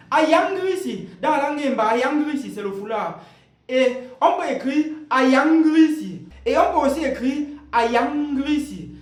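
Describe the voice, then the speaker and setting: A man's voice: extremely high pitch, slight background noise. A man teaching an online language lesson, explaining patiently and repeating himself, often asking rhetorical questions before he answers them. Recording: roomy echo.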